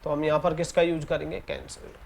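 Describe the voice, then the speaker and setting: A man with an Indian English accent teaching an exam-prep grammar lesson in Hindi. He reads the English example sentences slowly and deliberately and often repeats key words. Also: a little high, level tone, gravelly, darkish tone, a little hiss or hum. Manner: repeats key words and ends points with "theek hai".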